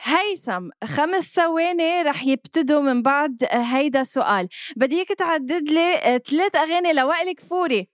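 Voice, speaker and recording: Female, Lebanese Arabic accent, high voice, close dry sound, casual game-host chat sprinkled with English. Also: animated, a little fast, no echo. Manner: mixes English words into Arabic.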